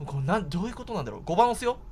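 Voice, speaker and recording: A man giving excited horror game commentary, exclaiming in a startled way and often repeating his words. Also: high voice, racing, slight background noise. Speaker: gameplay commentator.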